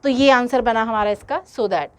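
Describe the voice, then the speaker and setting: High-voiced woman teaching a class. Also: normal speed, clean tone. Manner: explains step by step, addresses students directly. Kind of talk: exam-prep lesson in Hindi-English mix.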